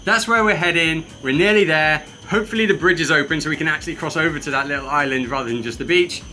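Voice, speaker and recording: Young travel vlogger, bright and a bit high, upbeat chatty host on a handheld camera. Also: male voice, fast talker, a little hiss or hum. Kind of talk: casual vlog narration. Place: outdoors and in a cable car.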